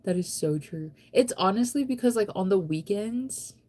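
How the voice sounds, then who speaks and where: Reading viewer comments on a late-night livestream, a U.S. woman in her 30s answers them in a rambling, conversational, self-teasing manner. She speaks at a moderate pace in an expressive, medium-pitched voice with a dark tone.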